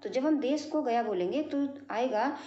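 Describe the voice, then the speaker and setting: A woman's voice: sits high, warm tone. Woman teacher, patient, repeats points for pupils; dull, roomy recording. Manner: explains slowly with repetition and questions to pupils. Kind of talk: classroom grammar lesson. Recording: echoey room, dull lo-fi sound.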